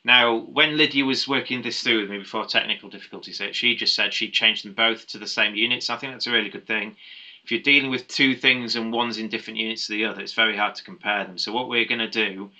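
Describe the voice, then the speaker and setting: A man's voice: fairly low pitch, fairly even intonation, quick pace, sharp tone. A man working through a maths challenge paper step by step, thinking aloud with frequent ums and small restarts. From United Kingdom. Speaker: maths tutor.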